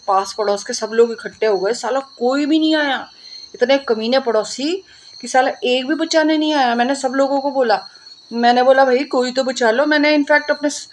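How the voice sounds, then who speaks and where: A woman vlogger tells her story in a lively, casual way, slipping into the voices of the people she quotes and dropping the odd curse word. Her voice sits a little high. Faint crickets and insects chirp in the background. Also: a little hiss or hum. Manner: animated, acts out quoted voices, swears casually. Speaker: vlogger telling a personal story.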